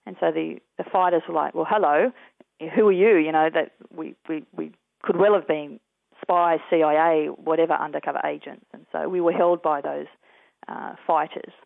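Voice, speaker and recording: An Australian man, a guest in an interview, telling his experiences in an earnest, measured way. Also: on the high side, steady tone, gravelly, no room sound. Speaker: guest, peace activist. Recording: tinny dry phone line.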